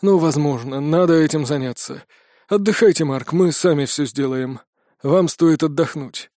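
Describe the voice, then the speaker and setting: A middle-aged male school director speaks with measured authority and a deliberate pace, as a man voices him in an audiobook. The voice is fairly high and the recording sounds close and dry. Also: warm tone, no room sound, lightly acted.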